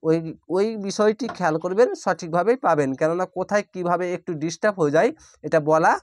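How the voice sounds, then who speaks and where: Man spelling out Quran syllables slowly. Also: sits high, no echo, studio quality. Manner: spells out each syllable, then blends it into the word; draws out recited words very slowly. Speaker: Quran reading teacher. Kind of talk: slow letter-by-letter recitation lesson.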